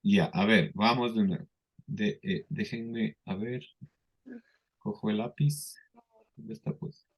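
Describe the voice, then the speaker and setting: Unhurried male teacher on an online class, drills pronunciation patiently. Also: on the low side, vocal fry, slightly rough. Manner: patient, repeats words slowly for students. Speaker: English teacher.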